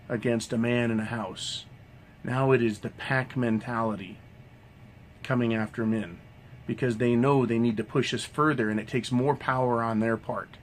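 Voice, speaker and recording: A man's voice: mid-range voice, a little hiss or hum. A man ranting in a monologue vlog, swearing constantly in a combative tone and tagging "right?" onto his sentences. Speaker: vlogger.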